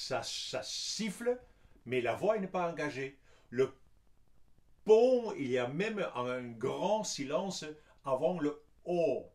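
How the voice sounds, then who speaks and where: A man with a high speaking voice coaches singing at an unhurried pace. He explains each point patiently and breaks into short sung demonstrations. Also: darkish tone. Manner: patient, explains, then sings examples. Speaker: vocal coach.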